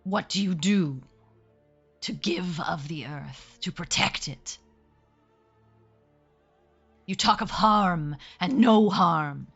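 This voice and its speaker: Woman voicing a slow, wary, growling wolf. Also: on the low side, slightly rough, muffled recording, faint music behind, heavily acted. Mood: stern, challenging. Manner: wolf voice, slow growling speech in short phrases. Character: wary, territorial wolf, solemn and challenging. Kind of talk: tabletop game role-play.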